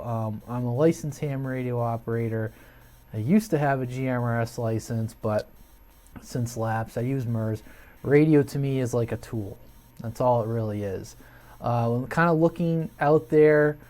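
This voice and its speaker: An American man with a medium-pitched, darkish voice hosts a hobby video channel. He talks to viewers casually and without a script, hesitating and rambling as he thinks aloud.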